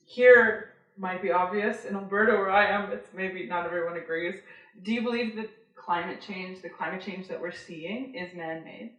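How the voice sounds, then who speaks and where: A woman's voice: medium pitch, normal speed, fairly bright tone, dull audio. A woman asking questions as an interviewer in a conversational style. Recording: echoey room, distant from mic.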